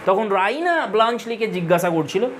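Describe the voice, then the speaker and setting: A woman's voice: medium pitch, expressive, brisk, a little hiss or hum. A woman teacher giving a recorded literature lesson. She explains each point patiently, calls her viewers friends, drops English terms into her sentences and stops to spell out how names are pronounced. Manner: spells out and corrects pronunciations.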